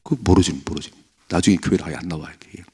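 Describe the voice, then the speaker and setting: A man's voice: sits low, rapid-fire, a little mellow, slightly rough. A man preaching a dawn sermon as the pastor, earnestly acting out quoted voices as he goes.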